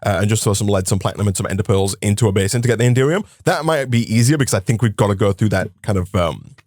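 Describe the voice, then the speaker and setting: A man's voice: fairly low pitch, very fast, darkish tone, no echo, clean studio sound. A man co-hosting a modded survival game, chatty as he explains game mechanics and plans with fillers. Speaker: co-host. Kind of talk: casual gaming chat.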